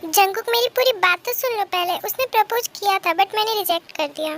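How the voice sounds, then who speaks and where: A woman's voice: extremely high pitch, brisk, fairly bright tone, a little hiss or hum. Stubborn playful girl, voiced by a woman. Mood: soothing. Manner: coaxing, pleading.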